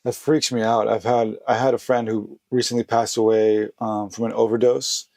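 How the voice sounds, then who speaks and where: A man's voice: medium pitch, flat delivery, normal speed, dark tone, dry recording. A man hosting a casual podcast interview, laid-back and swearing freely as he talks. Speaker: podcast host.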